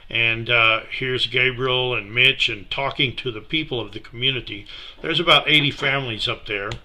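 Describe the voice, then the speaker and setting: A middle-aged man giving a relaxed, unhurried slideshow talk about a mission project, with many fillers. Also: mid-range voice. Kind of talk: casual slideshow presentation.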